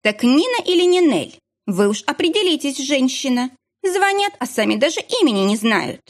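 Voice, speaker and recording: A curt, irritable hospital duty nurse, put on by a woman reading an audiobook. Her voice sits high above the reader's own and swings sharply up and down as she snaps and dismisses. She sounds shrill and impatient. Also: very animated, unhurried, full character voice. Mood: rude.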